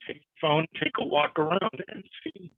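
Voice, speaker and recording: A man presenting over a video call through a headset, talking haltingly with many filler sounds, while his audio keeps dropping in and out. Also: a little high, dry recording. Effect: audio dropping in and out from a faulty worn headset. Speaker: webinar presenter. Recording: tinny, narrow-band call audio with dropouts.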